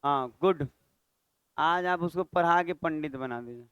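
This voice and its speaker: A man leads a maths lesson in a classroom, quizzing students and scolding them when they chat. His voice sits high and sounds crisp. The recording is dry and close, with no room echo. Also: measured pace, fairly bright tone, highs cut off. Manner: scolding, chatty teacher who quizzes students aloud. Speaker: maths teacher. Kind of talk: classroom lecture.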